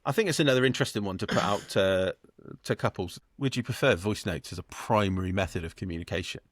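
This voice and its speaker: A man's voice: low-pitched, quick pace, no room sound, studio quality. A man with a British accent, co-hosting a podcast, upbeat and teasing, asking his co-host questions. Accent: British English. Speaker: podcast co-host, wedding photographer. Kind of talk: casual podcast chat.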